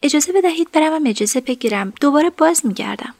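A woman's voice: sits high, expressive, darkish tone, no echo, voice pushed up. A woman voicing a shy, deferential young servant girl in an audiobook story. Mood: timid. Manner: hesitant, deferential. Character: timid young servant girl, anxious and polite.

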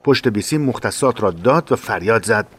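A man narrating a war memoir in a measured, dramatic reading. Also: fairly low pitch, animated, slightly rough.

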